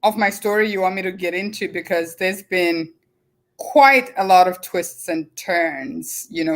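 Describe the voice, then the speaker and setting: A woman's voice: lowish voice, a bit bright. A woman in her forties from Zimbabwe, with a mixed Zimbabwean, English and American accent, telling her story as an interview guest. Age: 40s. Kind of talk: casual interview chat.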